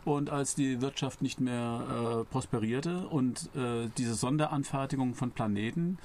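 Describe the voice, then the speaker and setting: A man co-hosting a casual book discussion, explaining plot points in halting, restarting phrases. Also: mid-range voice, darkish tone, a little hiss or hum. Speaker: podcast co-host.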